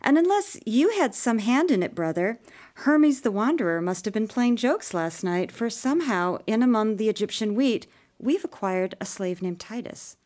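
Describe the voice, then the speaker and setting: A woman's voice: a little high, expressive, normal speed, a little mellow, pitched above the performer's own voice, lightly acted. A woman voicing a sarcastic bossy big sister. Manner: cross, sarcastic, clipped. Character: sharp-tongued bossy elder sister, young woman. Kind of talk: audiobook character reading.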